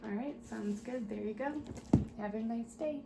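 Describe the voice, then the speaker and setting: A woman doing a soft-spoken, ASMR role-play as a helpful, patient librarian, talking gently and politely as if serving patrons at the desk. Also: a little high, normal speed. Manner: gentle, polite customer-service talk with small murmured asides. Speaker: ASMR performer playing a librarian at a checkout desk. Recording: roomy echo, clear background noise.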